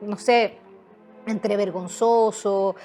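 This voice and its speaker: A woman's voice: mid-range voice, steady tone, very slow, warm tone, faint music behind. A woman answering interview questions as a guest author, hesitating often with fillers and restarts.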